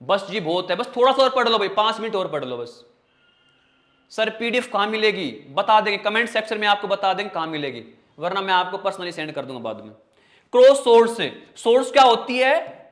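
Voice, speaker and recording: A man's voice: high voice, sing-song, fairly bright tone. A man teaches English vocabulary in an online lesson. He jokes with his students, calls them brother and child, and drags out each spelling one syllable at a time. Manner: playful, jokey, drags out spellings slowly syllable by syllable; calls students "bhai" and "beta". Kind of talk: online exam-prep lesson.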